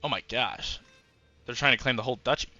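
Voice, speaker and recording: A man's voice: mid-range voice, brisk, bright, forceful tone, lo-fi sound, soft background music. A man giving casual commentary while playing a strategy game, musing aloud with frequent fillers. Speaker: gameplay commentator.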